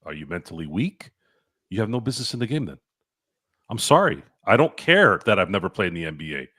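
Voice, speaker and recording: A man's voice: sits low, sing-song, brisk, pushed and bright, husky. A man hosting a sports talk show, ranting with heated, profane opinions. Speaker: sports podcast host.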